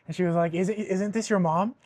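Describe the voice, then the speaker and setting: A young man hosting a podcast, telling a story in casual chat, animated and swearing often, with laughs mixed in. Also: high-pitched, fast. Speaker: podcast host.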